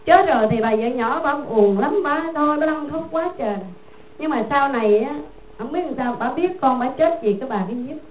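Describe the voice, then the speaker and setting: A woman with a Southern Vietnamese accent tells a Buddhist moral tale in a high voice. She rambles and circles back on her own phrases as she talks to her listeners. The sound is thin and phone-like, with an echoey room around her. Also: a little fast, slight background noise. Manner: rambling, repetitive, conversational. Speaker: storyteller addressing listeners.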